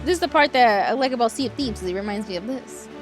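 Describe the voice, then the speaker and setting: Female game streamer, high and very animated, chatty and playful, touch of vocal fry, music behind. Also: quick pace. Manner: playful, chatty, reacting to viewers. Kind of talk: casual livestream chat over gameplay.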